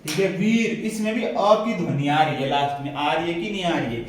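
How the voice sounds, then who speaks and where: A man's voice: on the high side, a little fast. Man teaching in a very echoey classroom. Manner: repeats answers, asks the class questions. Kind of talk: classroom grammar lesson. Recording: very echoey room, distant mic, faint noise.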